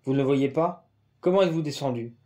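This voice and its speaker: A man voicing Marianne, a mother soothing her trapped sons with a gentle voice. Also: mid-range voice, fast talker, close to an everyday voice. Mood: reassuring. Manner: soft, reassuring. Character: worried loving mother Marianne.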